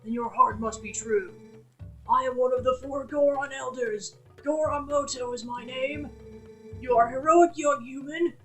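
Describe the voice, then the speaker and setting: Old rock-tribe elder, creaky and gentle, slow delivery, a streamer putting it on. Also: sits high, fairly even intonation, faint music behind. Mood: earnest. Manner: slow, soft old man voice. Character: old male rock-folk elder, kindly, creaky back. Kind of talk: reading game dialogue aloud.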